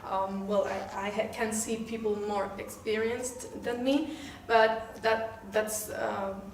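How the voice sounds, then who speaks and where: A workshop participant from Malaga in southern Spain introduces herself informally to a group, speaking English as a second language with a Spanish accent. Her medium-pitched voice is slow and fairly even as she hesitantly searches for words, recorded on a distant mic in an echoey room with faint noise.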